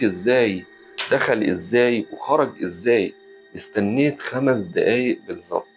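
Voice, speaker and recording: A man with an Egyptian Arabic accent narrating a first-person horror story in short, suspenseful, dramatic phrases. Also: fairly low pitch. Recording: dull lo-fi audio with faint music.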